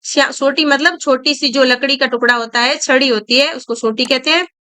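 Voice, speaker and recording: A woman's voice: high voice, steady tone, a little fast, pushed and bright, smooth. A woman reading a story aloud to students and explaining each line in simple words. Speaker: Hindi teacher.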